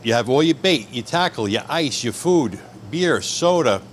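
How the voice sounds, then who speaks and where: A man's voice: mid-range voice, animated, a little hiss or hum. A middle-aged man who owns a deli, speaking into a handheld mic in a friendly, upbeat way. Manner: friendly, upbeat, listing things quickly. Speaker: deli owner. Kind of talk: casual on-camera intro. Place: indoors in a deli kitchen.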